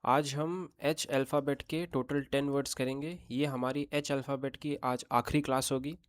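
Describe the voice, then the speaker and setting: A man's voice: mid-range voice, fairly even intonation, normal speed. A man teaching exam vocabulary in a chatty online lesson, often checking in with his students. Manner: chatty teaching in Hindi mixed with English terms; checks in with rhetorical "theek hai?".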